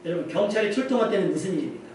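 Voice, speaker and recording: Man pastor preaching, kinda high voice, asks then answers his own questions, faint hum behind. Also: big pitch swings, rapid-fire, a little mellow. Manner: conversational, asks the congregation questions and answers them himself. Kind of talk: sermon. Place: church sanctuary. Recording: echoey church hall, mic at a distance.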